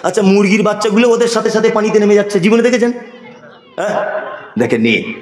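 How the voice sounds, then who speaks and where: High-voiced Bengali preacher in echoing hall. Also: male voice, expressive, fast. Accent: West Bengal Bengali. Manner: call-and-response, asking the crowd questions; acts out animal voices in a storytelling way. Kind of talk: sermon. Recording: echoey hall sound.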